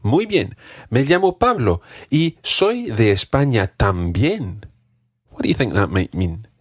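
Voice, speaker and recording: A Scottish man teaches a podcast language lesson, patiently modelling pronunciation and repeating drills for a learner. His medium-pitched voice is sing-song and slow, recorded in studio quality with no echo.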